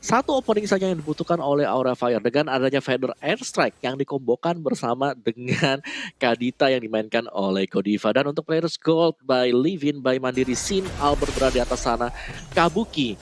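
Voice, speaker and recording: A man's voice: mid-range voice, lively intonation, a little fast. A man with an Indonesian accent giving analysis and play-by-play commentary on an esports match.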